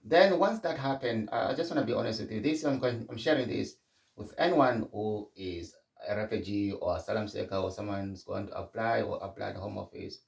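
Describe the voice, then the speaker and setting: A man's voice: on the low side, brisk, creaky, reverberant, recorded from a distance. A middle-aged man from Zimbabwe hosting a podcast, talking candidly in a reflective solo monologue. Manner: candid and conversational, frequent restarts. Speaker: podcast host.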